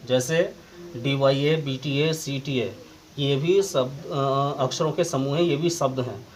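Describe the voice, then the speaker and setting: A man with an Indian accent teaching English grammar as a lesson, slowly dictating definitions word by word. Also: medium pitch, steady tone, poor audio. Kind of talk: classroom lesson explaining grammar.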